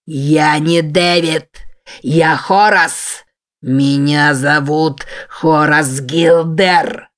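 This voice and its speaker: A woman voicing a brutal, monstrous man, speaking slowly and menacingly and breaking into shouts. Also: sits low, fairly even intonation. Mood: raging.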